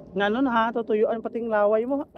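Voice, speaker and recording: A man with an Ilonggo accent chatting casually on a walking vlog outdoors, playful and quick to laugh. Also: very high-pitched, highs cut off. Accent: Ilonggo Filipino. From Philippines. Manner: playful, laughs often, jokes around. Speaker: vlogger. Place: outdoors on a cold street.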